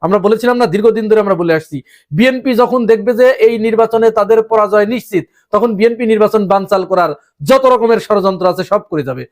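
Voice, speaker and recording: High-voiced man giving political commentary. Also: fast talker. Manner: rhetorical questions, emphatic. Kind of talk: opinion monologue to camera.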